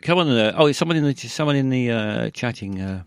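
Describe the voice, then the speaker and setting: A man hosting a call-in radio show, rambling in a halting way with many fillers and restarts. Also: medium pitch, lively intonation, clean tone, dry recording, studio quality.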